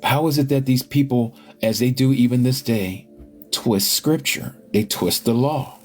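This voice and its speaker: A man hosting a live scripture study, reading passages aloud and thinking out loud as he stops to check pages and look up words. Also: mid-range voice, unhurried, faint music behind. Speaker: online scripture study host.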